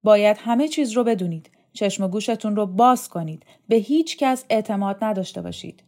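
A woman's voice: medium pitch, darkish tone, lightly acted. A woman voicing a fawning, overly formal male dormitory head in an audiobook reading.

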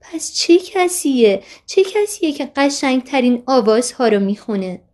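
A woman's voice: high voice, voice pushed up. A woman voicing an eager, cheerful little boy in a children's story. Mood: excited. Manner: excited, wondering calls.

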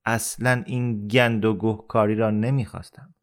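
A man narrating a novel as an audiobook reader, reading in a measured, steady way. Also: on the low side.

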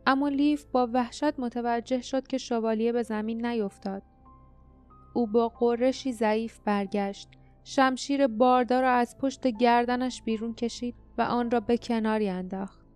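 A woman narrating a fantasy audiobook in a steady, dramatic storytelling manner. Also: fairly high pitch, clear, resonant tone, soft background music. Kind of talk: scripted narration.

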